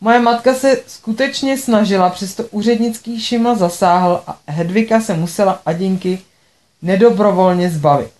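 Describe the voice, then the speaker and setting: A woman's voice: medium pitch, darkish tone. A woman reading a first-person audiobook with a dry, sarcastic manner. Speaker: narrator.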